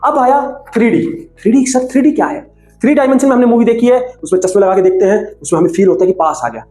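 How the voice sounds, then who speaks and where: A man teaching maths in a casual, animated way, asking questions and then answering them himself. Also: very high-pitched, fast. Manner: animated, asks and answers his own questions. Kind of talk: casual classroom explanation. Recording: echoey room with faint music.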